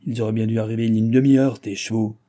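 A man's voice: mid-range voice, normal speed, warm tone, slightly rough, close to an everyday voice. A man voicing a hot-tempered wounded nobleman who curses and blusters. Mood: angry. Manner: blustering, cursing.

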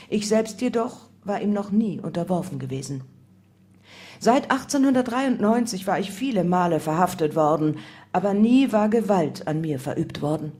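A woman reading a first-person memoir aloud in calm, measured narration. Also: on the low side. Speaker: audiobook reader.

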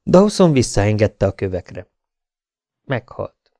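Man narrating an audiobook, low and dry. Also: sing-song, mellow, dry recording.

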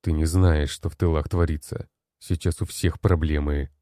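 A man voicing a stout, gruff male general who lectures sternly. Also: extremely low pitch, steady tone, moderate pace, warm tone, no echo, clean studio sound.

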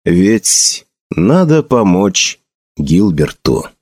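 Male narrator, expressive audiobook reading, lively lilt, dry close sound. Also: low voice, drawn-out words, husky, no room sound. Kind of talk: scripted narration.

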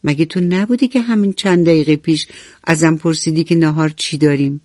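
A woman voicing a patient, gently firm mother in a bedtime storybook, coaxing and explaining. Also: deep voice, dry recording, clean studio sound, lightly acted. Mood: surprised. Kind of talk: storybook narration.

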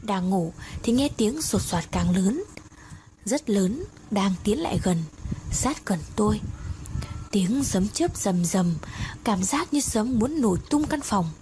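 Woman telling a spooky story in first person, steady voice, constant hiss behind. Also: medium pitch, slow pace. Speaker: narrator. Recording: noisy background hiss.

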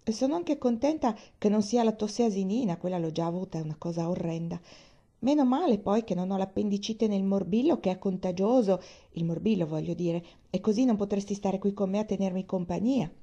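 A woman's voice: medium pitch, a little fast, dark tone, dull audio, natural voice. A woman voicing Pollyanna, a cheerful, eager little girl in a storybook reading.

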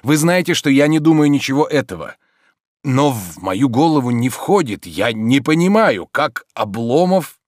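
A man's voice: medium pitch, moderate pace, no room sound, clean studio sound, pitched above the performer's own voice, natural voice. A man doing an agitated, insistent suitor. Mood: gentle. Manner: insistent, urgent, lively. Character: agitated man pressing a woman, shaken.

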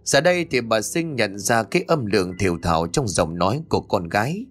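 Expressive male horror storyteller. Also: on the low side, fairly quick, soft background music. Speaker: narrator. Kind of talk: scripted horror story narration.

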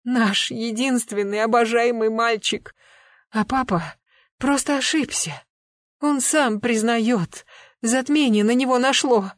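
A reader voicing a distraught mother who cries and pleads, in raised, high, loud bursts of audiobook dialogue, close and dry. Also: steady tone, moderate pace, no echo, natural voice. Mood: pleading tearful. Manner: crying, imploring outbursts. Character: distraught weeping mother, pleading, defending husband.

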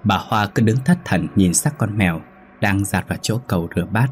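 A man narrates a scripted horror story. His voice sits very low, and he keeps a steady, brisk storytelling pace. Faint music plays underneath.

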